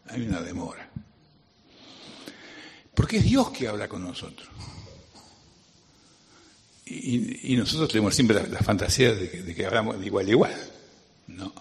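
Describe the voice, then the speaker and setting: A man preaching with a Rioplatense Spanish accent in a conversational, digressive way, full of anecdotes and tag questions. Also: on the low side. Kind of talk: conversational sermon. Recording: long reverb of a hall.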